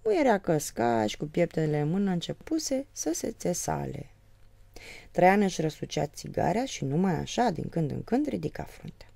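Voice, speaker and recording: Audiobook reader: woman, low and gravelly, very lively melody, dark dry tone. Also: no room sound. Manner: lively, varies voice for characters. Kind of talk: expressive novel reading.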